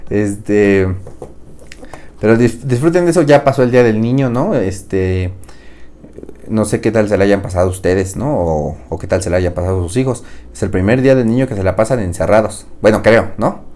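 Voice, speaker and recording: Speaking at a normal speed in a lowish, darkish voice, this young man hosts a podcast in a Mexican Spanish accent. His casual comic monologue wanders from story to story, full of slang, and he cracks himself up along the way.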